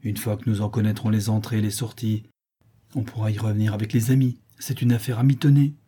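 A man voicing a cold, calculating brigand in an audiobook, calm and authoritative. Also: fairly low pitch, fast, slightly rough. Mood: commanding.

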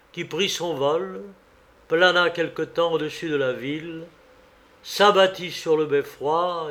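A man reading a folk tale aloud in a measured, even way. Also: fairly high pitch. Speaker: narrator. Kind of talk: storybook reading.

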